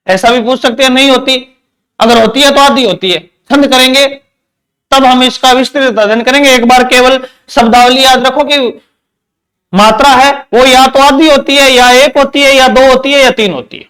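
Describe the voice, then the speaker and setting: High-voiced man drilling a grammar lesson. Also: fairly bright tone. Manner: repetitive question-and-answer drilling. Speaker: Hindi grammar teacher. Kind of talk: exam-prep lecture.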